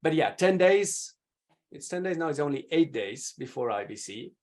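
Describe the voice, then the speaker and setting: A fairly high-pitched man talks as a video presentation coach in an interview. He is energetic and emphatic, his loudness rising and falling as he stresses his points. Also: normal speed. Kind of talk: conversational interview answers.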